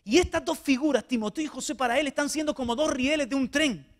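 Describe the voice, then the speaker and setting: A man preaches a fervent sermon in church. He drops to near-hushed tones, then rises to loud, ringing exhortation, often stumbling over repeated little words as he goes. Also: very high voice, fast talker. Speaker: pastor. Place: church before a congregation.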